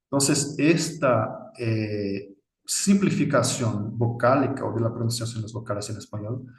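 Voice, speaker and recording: A Brazilian man with a Portuguese accent, teaching a language lesson in a deliberate way and often adding a questioning tag. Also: mid-range voice, echoey room, low-quality recording. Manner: deliberate, frequent tag "¿no?", slow spelled-out examples. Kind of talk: instructional explanation.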